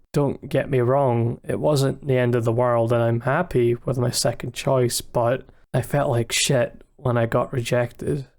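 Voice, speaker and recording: A young adult man, a student filmmaker, narrates his own video in a mid-range, slightly mellow voice with very little rise and fall. His scripted retrospective voice-over is measured and candid, looking back on his own experience.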